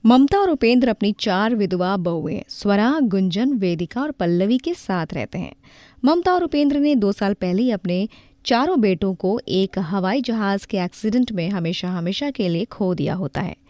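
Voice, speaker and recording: A woman narrating a moral storybook in a plain, steady way. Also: mid-range voice, moderate pace, dry recording.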